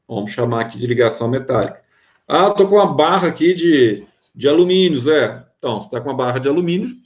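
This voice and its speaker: A man's voice: mid-range voice, darkish tone, reverberant. A man from Brazil giving a chemistry lesson, asking and answering his own questions and checking in with frequent tag questions. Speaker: chemistry teacher. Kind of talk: classroom lecture.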